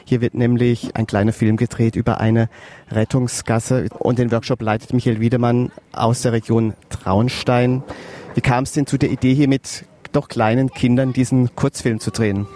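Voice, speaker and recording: A man hosting a radio feature, asking clear, friendly questions at an outdoor camp. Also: medium pitch, flat delivery, normal speed, mellow. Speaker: radio reporter.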